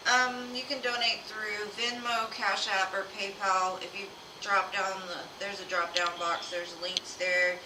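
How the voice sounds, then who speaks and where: A woman's voice: medium pitch, flat delivery, a little slow, hardly any pauses. A woman talking informally and familiarly to viewers as the host of a live reading stream. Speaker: live tarot reader and host. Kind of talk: casual livestream chat. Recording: roomy, distant mic, clear background noise.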